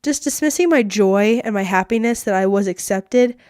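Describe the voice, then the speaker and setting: A woman's voice: mid-range voice, normal speed, a little mellow, clear, resonant tone, no room sound, studio quality. A teenage girl hosting her own podcast, rambling in a casual, self-deprecating way, with a lot of "like" in her speech. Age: teens. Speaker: podcast host. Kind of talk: casual solo podcast monologue.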